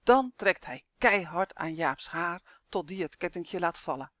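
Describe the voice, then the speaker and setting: An expressive narrator reading a children's story aloud, the delivery rising and falling with the drama of the tale. The voice sits in a middle pitch and sounds close and dry, with no room echo. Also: unhurried.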